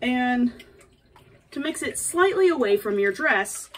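Playing a sassy, playful princess, a young woman hosts a baking tutorial for laughs, mock-dainty with dry remarks, and comes across playful yet flustered. Her voice is on the high side and expressive, delivered slowly with a bit of hiss or hum. A camera a few feet away in a small home kitchen records her from a distance.

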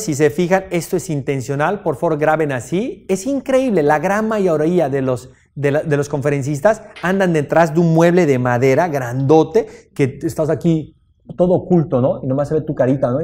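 A man giving a live seminar talk on stage, animated, often checking in with his listeners through quick tag questions and deliberately raising and dropping his voice. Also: fairly high pitch. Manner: deliberately raises and drops his voice. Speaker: seminar lecturer. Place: stage before a live audience.

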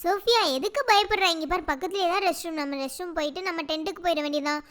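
A woman voicing a timid, excitable little girl in a cartoon who gets frightened easily. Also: extremely high pitch, rapid-fire. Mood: scared. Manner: fearful, whiny.

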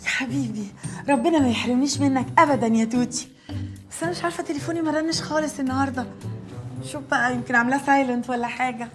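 An actress gives an older mother with an Egyptian accent, fond of her sweetheart and quick with a dry joke. Her voice sits a bit high and moves along briskly over quiet music. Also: natural voice. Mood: sweet. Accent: Egyptian Arabic. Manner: teasing, flirty, dry jokes. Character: coy older mother secretly dating a widower. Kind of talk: comedy series acting.

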